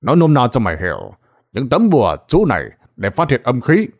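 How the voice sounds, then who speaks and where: Man voicing a gruff old village sorcerer. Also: medium pitch, huge pitch swings, a little fast. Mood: stern. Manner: gruff, scolding, commanding. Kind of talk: ghost story narration.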